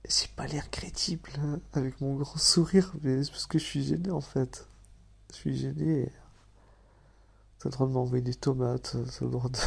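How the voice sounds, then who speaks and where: A man with a nasal, slightly hoarse voice, speaking softly and hesitantly in a whispered role-play. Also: mid-range voice. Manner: hesitant, soft, apologetic, with many fillers and soft laughs.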